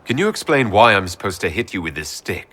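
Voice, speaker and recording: An actor playing a composed, supportive heroic leader in a video game, calm and direct. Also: male voice, lowish voice, fairly quick, big-room sound. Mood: calm, puzzled. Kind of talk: video game cutscene acting.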